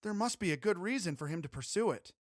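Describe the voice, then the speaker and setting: A man voicing a young cowboy in a storybook reading, talking softly and teasing a little. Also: high-pitched, animated, fast, dry recording, studio quality, pitched above the performer's own voice. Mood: moved.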